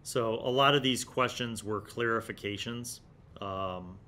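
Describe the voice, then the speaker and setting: A middle-aged male host of an old-gaming series speaks in a mid-pitched, unhurried voice with a bright, forceful tone, giving a conversational, nostalgic review as casual vlog commentary. He records on a desktop condenser microphone in a small indoor studio room. A low background rumble and other noise are clearly audible.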